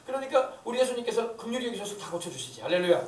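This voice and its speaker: A man's voice: high voice, sing-song, racing. A male pastor preaching a sermon in a church, fervent and emphatic, with many rhetorical questions to the congregation. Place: church sanctuary. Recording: echoey church hall, mic at a distance.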